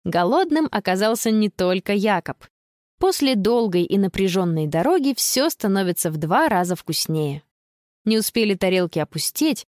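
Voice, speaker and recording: A woman narrating a children's storybook in an expressive storytelling manner. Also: fairly high pitch, dry recording, studio quality. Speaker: audiobook narrator.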